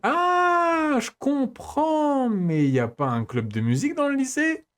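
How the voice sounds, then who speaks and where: A man's voice: very high voice, very animated, takes it slowly, fairly bright tone, pitched above the performer's own voice, exaggerated voice. A man doing an eager teenage schoolgirl. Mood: curious. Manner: eager, questioning.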